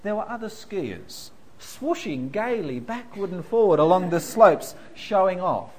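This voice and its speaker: A pastor preaches a sermon in a high-sitting voice at a measured pace. He's an animated, self-deprecating storyteller who laughs through funny anecdotes about himself before turning serious.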